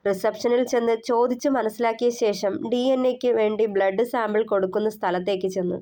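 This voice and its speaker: A woman author narrating her own novel in a steady storytelling voice. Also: medium pitch, a little fast.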